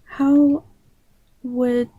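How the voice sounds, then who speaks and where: A woman's voice: high-pitched, flat delivery, drawn-out words, dark tone, no echo, lo-fi sound. A woman from England asking hesitant, thoughtful questions in a casual conversation about faith. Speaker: passerby questioned in debate.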